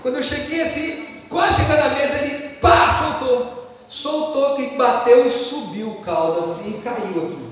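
A Brazilian man preaching a sermon, telling personal stories in an animated, joking way. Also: very high voice, moderate pace. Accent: Brazilian Portuguese. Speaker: pastor. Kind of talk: storytelling sermon. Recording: echoey hall from far off.

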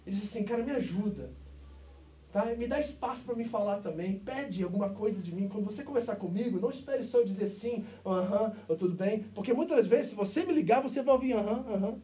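Brazilian pastor preaching, mellow voice. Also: male voice, sits high, distant mic. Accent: Brazilian Portuguese. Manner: animated preaching, swings from loud emphasis to quiet intimate asides. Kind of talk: sermon. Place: church service.

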